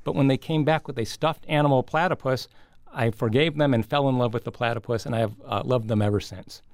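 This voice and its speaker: Guy scientist being interviewed, mid pitch, explains stuff step by step, very dry sound. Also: darkish tone, no room sound. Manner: measured, articulate, structured explaining. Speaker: guest scientist.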